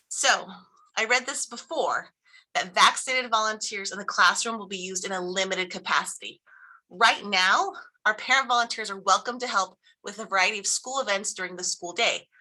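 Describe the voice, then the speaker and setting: A woman's voice: medium pitch, sharp tone, rough recording. A woman school principal giving an upbeat, informative presentation to parents, reading from slides with small restarts.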